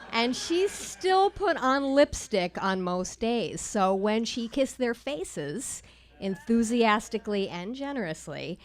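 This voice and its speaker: A woman tells a personal story onstage at a small live storytelling night. Her delivery is measured and wry, landing dry jokes with careful timing. Her voice sits at an ordinary middle pitch.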